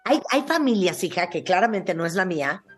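A woman with a Mexican accent hosting a casual talk show, lively and animated, with faint music behind. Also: fairly low pitch, brisk, slightly rough. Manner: lively, animated, jumps into loud imitations. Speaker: radio host.

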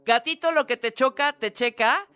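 A woman's voice: high voice, normal speed, clean tone. A woman with a Mexican accent co-hosting a casual talk show, chatty and full of anecdotes, with faint music behind. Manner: chatty, storytelling, acts out shouting relatives. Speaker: co-host.

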